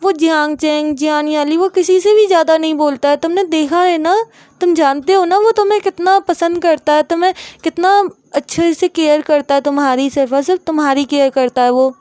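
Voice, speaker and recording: Woman reading as a kind big-brother type guy, soothing, high and dry. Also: steady tone, fairly quick, a little mellow, no room sound, lightly acted. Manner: soothing, coaxing.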